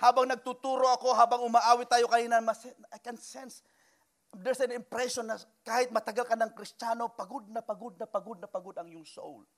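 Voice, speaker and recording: A man preaching a sermon in church as pastor, animated, with acted quotes and sudden shouts. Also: very high-pitched, a little fast, gravelly.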